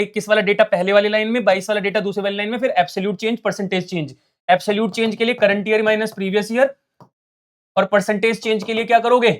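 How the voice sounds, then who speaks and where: A man teaching accountancy in an online lesson, reading out numbers as he writes and firing quick questions that he then answers himself. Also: high-pitched. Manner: talks while writing, reading out numbers. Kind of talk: online lesson, solving on a board.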